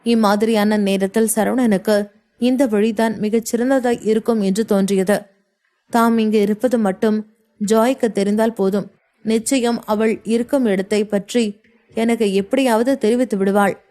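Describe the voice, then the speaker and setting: A woman narrating a novel in a steady storytelling manner. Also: fairly high pitch, normal speed. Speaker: audiobook narrator. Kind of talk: scripted narration.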